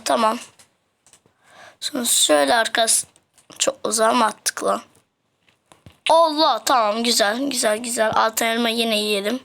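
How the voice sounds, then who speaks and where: A woman with a high, bright voice commentating her own gameplay. She talks in a rowdy, excitable way, yelling at the monsters in slang and calling out to her viewers. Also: gravelly. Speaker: gaming channel host.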